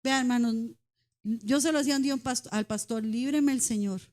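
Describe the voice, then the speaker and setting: High-voiced woman preaching a sermon. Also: quick pace. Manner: emphatic, repeatedly addresses the congregation as brothers; speaks as a mother, mentions her daughters. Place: church.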